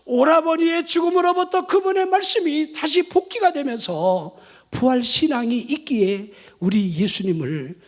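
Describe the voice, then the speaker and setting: A male pastor preaching a lively sermon at a night worship service, rousing the congregation with rhetorical questions and shouted responses. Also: extremely high pitch, normal speed. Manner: animated, exhorting with rhetorical questions.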